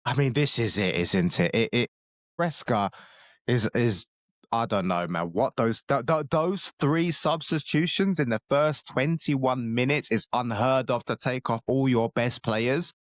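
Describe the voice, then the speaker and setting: Brief: young man, heated football fan, mid-pitched voice, dry close recording. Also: unhurried, no room sound. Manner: passionate, fired-up, casual slang. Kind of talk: casual football chat.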